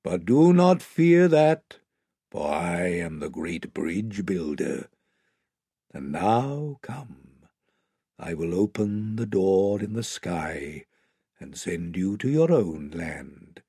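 A man voicing a great lion in a storybook, gentle, solemn and majestic, speaking slowly and gravely in a soft, breathy low voice. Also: very animated, no room sound, studio quality, heavily acted. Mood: solemn, reassuring.

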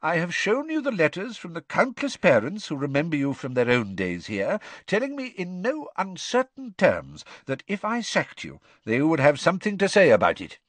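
A man performs a wise old wizard headmaster from a storybook. He is courteous, authoritative and drily funny, with a raised, widely swinging pitch. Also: huge pitch swings, moderate pace, hardly any pauses, dry recording. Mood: wry, firm.

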